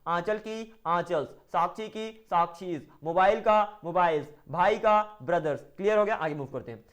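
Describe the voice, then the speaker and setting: High-pitched man teaching English. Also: moderate pace, a bit bright. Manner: repetitive, asks and answers his own questions. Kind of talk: spoken English lesson.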